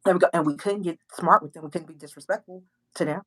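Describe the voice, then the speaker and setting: A woman hosting a casual chat, telling a story with lively acted-out quotes. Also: fairly low pitch, fast talker, slightly rough, poor audio. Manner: animated storyteller, acts out quoted voices. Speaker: host.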